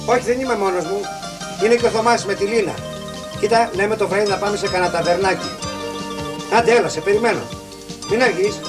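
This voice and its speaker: A man's voice: high-pitched, long pauses, over music, natural voice. A man playing a brash colleague and friend, jaunty and mocking, on an old film soundtrack. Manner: jaunty, lively, animated. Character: brash lively male friend, mocking leftist.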